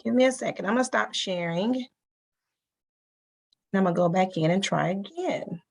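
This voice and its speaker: A woman's voice: medium pitch, moderate pace, gravelly. A woman helping run a conference call, talking in a very polite, accommodating way as she handles the screen share.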